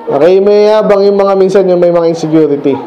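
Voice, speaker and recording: High-voiced Filipino-style pastor preaching casually. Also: male voice, muffled recording, over music. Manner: explains verses by question and answer with the congregation; reads scripture slowly, then talks fast and casually. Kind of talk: sermon.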